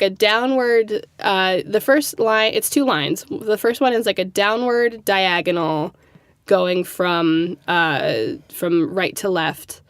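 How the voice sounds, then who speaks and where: A woman's voice: on the low side, clear, resonant tone, no echo. A woman co-hosting a casual podcast, rambling through explanations with lots of "like" and "um". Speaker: podcast co-host. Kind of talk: casual chat.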